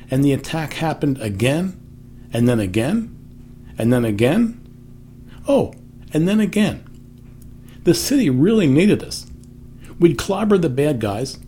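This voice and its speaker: An older man tells a family story and then turns it into a devotional message. His voice is mellow and sits a little high for a man, and it swings widely in pitch as he stresses his words. A soft background ambience stays under him. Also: slight background noise. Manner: emphatic storytelling, softening for quotes. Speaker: devotional speaker.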